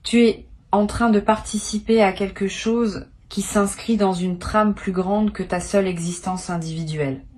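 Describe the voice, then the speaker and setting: This is a woman delivering a spiritual tarot reading to a single listener. Her voice sits at an ordinary mid pitch. She speaks in a calm, measured, soothing way, as if offering quiet guidance. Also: a little hiss or hum. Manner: calm, measured, reassuring, addressing the listener directly. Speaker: tarot reader.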